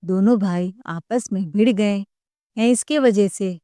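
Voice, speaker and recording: A woman's voice: mid-range voice, a little slow, warm tone, dry recording, close to an everyday voice. A woman storyteller puts on an older mother-in-law who scolds her sons in a hot, accusing tone. Her voice sits in the middle range and sounds dry and close, with no room around it. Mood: angry scolding.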